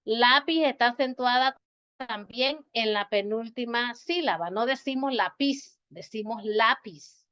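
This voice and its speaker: A woman teacher giving an online grammar lesson, speaking slowly and patiently and repeating words to stress their syllables. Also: on the high side, fairly bright tone. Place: home or office on a video call. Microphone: video call. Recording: dull, lo-fi video call audio.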